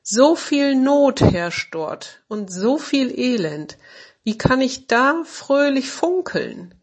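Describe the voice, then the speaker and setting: A woman voicing a tender, sad little male star angel in a storybook reading, with a soft, plaintive, childlike manner. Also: sits high, very animated, slow, husky, pitched above the performer's own voice, heavily acted. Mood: sorrowful.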